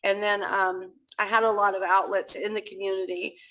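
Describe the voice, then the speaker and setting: A woman talks through how she started a community food pantry, in a chatty, animated way. She slips into little acted-out quotes of what people said. It sounds like a video call. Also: mid-range voice, moderate pace, poor audio. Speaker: food pantry founder, guest. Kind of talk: casual interview storytelling.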